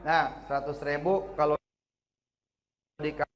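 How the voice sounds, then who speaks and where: A man preaching to a live evening congregation, telling lively jokey stories and acting out every character's lines. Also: fairly high pitch, unhurried, a crowd in the background. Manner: lively storytelling, acts out dialogue in voices, joking. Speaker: Islamic preacher. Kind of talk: humorous sermon to a live congregation. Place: evening gathering before an audience. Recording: echoey hall with loud background ambience.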